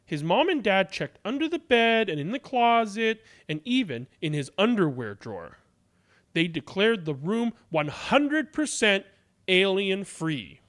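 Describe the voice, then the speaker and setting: With a high-pitched voice, a man performs a children's story in a dramatic, expressive reading, stretching words out on purpose.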